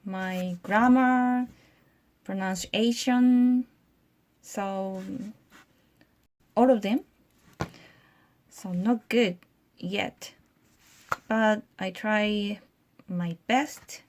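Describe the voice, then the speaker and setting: A Japanese woman who speaks English with a Japanese accent as a second language, talking in a shy, halting way in a casual vlog, partly in a convenience store. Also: medium pitch, a little mellow, slight background noise. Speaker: guest vlogger.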